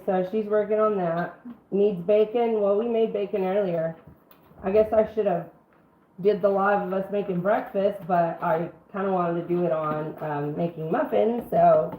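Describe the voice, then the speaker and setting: A middle-aged woman with a rough voice from being sick, chatting casually to viewers as she hosts a live home cooking stream. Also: mid-range voice, fairly even intonation, moderate pace. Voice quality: rough, congested-sounding voice. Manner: folksy, chatty, addresses viewers by name. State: sick for two weeks, throat-clearing. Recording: roomy, band-limited phone-like stream, faint noise.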